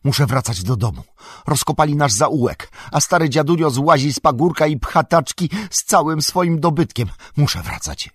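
A man voicing a young male hobbit who is loyal, excitable and fretful, bursting out in agitated, indignant speech. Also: low voice, measured pace, vocal fry, slightly rough, no echo, studio quality, heavily acted. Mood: frantic. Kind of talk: audiobook character voice.

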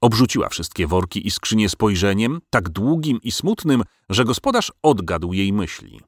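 A man narrating a storybook in an expressive, measured way. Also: on the low side, no room sound, studio quality.

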